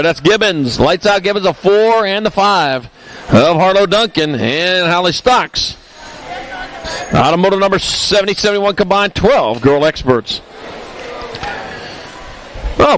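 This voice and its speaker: Man, race announcer, high pitch, animated delivery, joking asides, live commentary. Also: rough recording. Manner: jokey asides between rapid rider call-outs.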